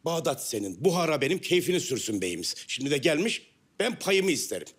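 A man's voice: a little high, big pitch swings, brisk, slightly rough, exaggerated voice. An actor playing an aggrieved middle-aged tradesman in a historical drama, complaining indignantly.

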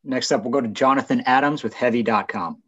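Brisk male press moderator, lo-fi. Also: medium pitch, fairly bright tone, slightly rough. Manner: brisk, formal announcing. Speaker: moderator and reporters. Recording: dull lo-fi conference audio.

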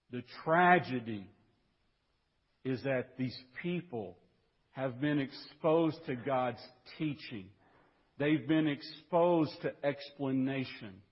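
Man, pastor, sermon, slow deliberate delivery, emphatic preaching, long church reverb, muffled lo-fi sound. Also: medium pitch. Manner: builds from measured reading to raised, emphatic preaching. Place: church sanctuary. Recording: dull lo-fi recording in a reverberant church.

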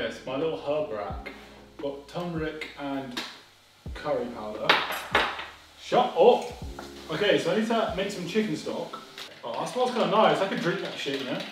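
The speaker is a young vlogger preparing a dinner party at home, narrating in a chaotic, profane, self-deprecating way. He has a fairly high voice with lively intonation and a moderate pace. Recorded off-mic in an echoey, noisy kitchen with faint music behind him.

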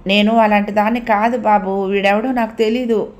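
A woman's voice: mid-range voice, steady tone, normal speed, natural voice. A woman voicing a frightened, helpless young woman who pleads anxiously. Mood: pleading.

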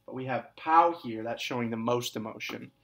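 This is a man teaching a recorded writing lesson to kindergarten and first grade children. He speaks clearly and patiently, repeating each point and addressing the kids as scholars. When he reads example sentences, his voice lifts into a lively, sing-song emphasis. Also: mid-range voice, fairly quick.

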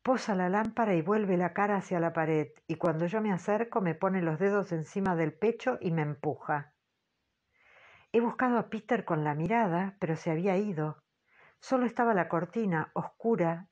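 A woman reading an audiobook in a measured, low-key way, on a dull, muffled recording. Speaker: audiobook narrator. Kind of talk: scripted literary narration.

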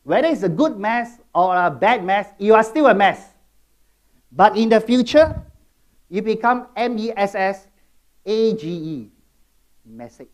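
A middle-aged keynote speaker with a Singaporean English accent delivers a motivational talk in a high-sitting voice. He swings between loud bursts and quiet asides, checking in with the audience as he goes.

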